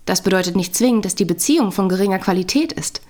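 A female couples therapist hosts her podcast in a calm, reflective voice. She reads from a script with gentle humor at a steady pitch. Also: fast talker.

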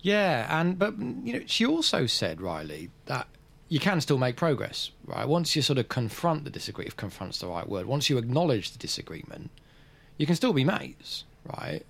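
Gravelly-voiced Australian man, thoughtful. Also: mid-range voice, big pitch swings, moderate pace. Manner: thoughtful, uses hedging fillers. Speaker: philosopher, podcast co-host. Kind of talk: conversational philosophy discussion.

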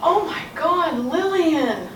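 A woman's voice: extremely high pitch, animated, slow pace, fairly bright tone, heavily acted. A woman acting a flustered, overexcited young woman friend who squeals and giggles. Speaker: acting student. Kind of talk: reading a comedy scene in class. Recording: roomy classroom audio from far off, noisy.

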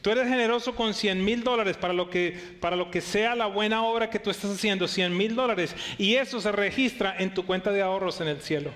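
A man's voice: high voice, fairly quick, hardly any pauses, fairly bright tone. A middle-aged male pastor preaching a sermon, emphatic, asking the church rhetorical questions.

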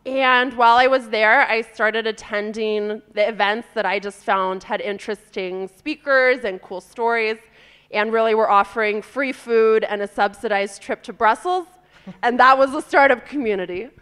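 A woman in her thirties with an American accent speaks as a guest at an event. Her voice is smooth and clear, set a little high, and she tells her story in a conversational way. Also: moderate pace, a bit bright. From California, United States. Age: 30s.

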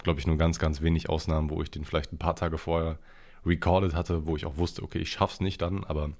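A young man from Germany's Ruhr area hosts his own podcast, talking solo in a rambling, blunt, slang-heavy way. His voice is a deep rumble with a darkish tone, slightly nasal and congested from a cold.

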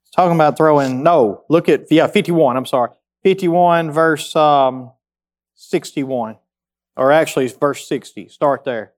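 A man preaching a sermon, reading scripture aloud and rising in pitch as he urges his listeners on in a plainspoken, folksy way. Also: measured pace. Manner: reads scripture aloud, rises in pitch when exhorting. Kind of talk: sermon, Bible study teaching.

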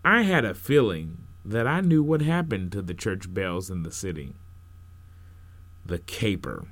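A man narrating a first-person story in an unhurried, expressive storytelling manner. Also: low voice.

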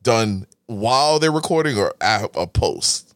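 A man co-hosting a podcast, chatting in an animated, profane way and reacting quickly. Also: lowish voice, no echo. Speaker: podcast co-host. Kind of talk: casual podcast banter.

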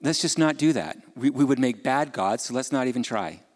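Man, pastor, sermon, conversational preaching, rhetorical questions, middle pitch, long hall reverb. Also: animated, fairly quick. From Ukraine.

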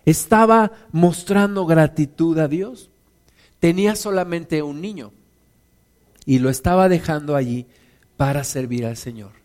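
A man's voice: a little high, unhurried, a little mellow. A man preaching a sermon, folksy and acting out biblical figures. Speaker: pastor.

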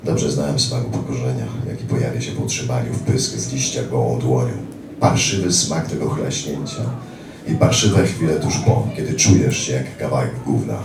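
A man's voice: a bass voice, normal speed, gravelly, background noise. A man reading a first-person memoir aloud with dramatic, blunt delivery. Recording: echoey room, distant mic.

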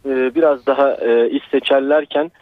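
A man talks into a radio show over a landline, his voice narrowed to a tinny, dry phone sound. He is mid-pitched and halting, pausing often as he searches for his words. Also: fairly even intonation, no room sound. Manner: hesitant, halting, full of pauses. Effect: landline telephone line. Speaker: radio call-in caller. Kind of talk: call-in opinion.

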